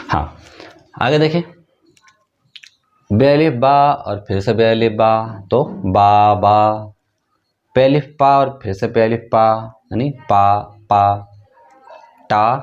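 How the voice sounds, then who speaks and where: A man's voice: medium pitch, takes it slowly, long pauses, muffled recording. A male teacher giving an online script lesson, patiently spelling out each word and repeating every answer as a question to the learner. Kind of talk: online class, step-by-step explaining.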